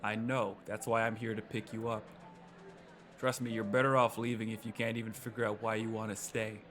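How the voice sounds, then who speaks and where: A stern older witch mentor who gives short, commanding orders in a low, flat-toned read, as a man voices her. Game music runs beneath. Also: fairly quick, close to an everyday voice. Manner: curt and commanding.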